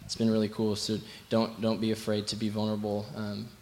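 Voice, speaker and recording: Flat-voiced man sharing advice haltingly. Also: on the low side, a little hiss or hum. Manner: hesitant, many fillers. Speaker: church member guest. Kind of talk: onstage testimony.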